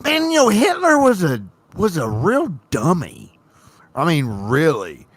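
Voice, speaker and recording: A man chatting on a livestream in an animated, jokey way, full of fillers. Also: fairly high pitch, unhurried. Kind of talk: casual chat on a livestream.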